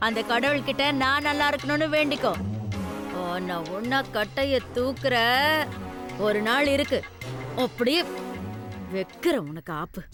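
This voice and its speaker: A woman's voice: high-pitched, expressive, unhurried, pauses often. An actress playing a scheming, domineering middle-aged mother in a Tamil Nadu Tamil television serial, speaking in a dismissive, commanding way. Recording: music score underneath.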